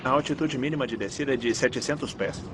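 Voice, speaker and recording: A clipped, businesslike airline pilot comes through a cockpit headset recording with steady engine noise behind him. His voice sits a little off the mic, with an ordinary middle pitch, and his readbacks are brisk and procedural. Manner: clipped, procedural radio phrasing. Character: calm male airline pilot reading back clearances. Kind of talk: dubbed documentary reenactment. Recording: noisy cockpit recording from a distance.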